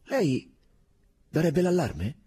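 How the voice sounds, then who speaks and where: A man's voice: huge pitch swings, very slow, slightly rough, full character voice. A man voicing an anxious young army lieutenant, agitated and hesitant. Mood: uneasy. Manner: agitated, hesitant, higher and louder.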